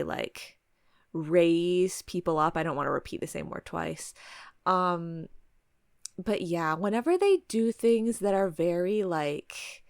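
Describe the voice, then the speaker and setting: A woman hosting a podcast in casual chat, halting as she carefully picks her words and talks around them. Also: fairly low pitch, creaky, dry recording, studio quality. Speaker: podcast host. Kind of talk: casual podcast chat during a word game.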